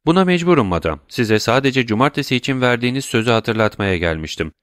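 A man's voice: medium pitch, sing-song, fast talker, fairly bright tone, clear, resonant tone, no echo, clean studio sound, voice pushed up. A man reading an audiobook, voicing a composed, worldly count who speaks in elaborate, courtly phrases.

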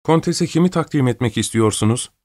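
Timid young lady, soft and meek, raised pitch, dry close audiobook voice, as a male narrator puts her on. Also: animated, brisk, no room sound, close to an everyday voice. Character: quiet, shy young lady's companion, a woman.

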